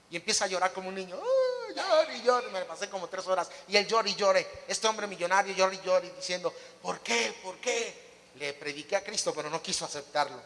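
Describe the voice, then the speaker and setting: Brief: male pastor, high bright voice, emphatic sermon delivery, reverberant church hall. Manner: emphatic preaching with rhetorical questions to the congregation.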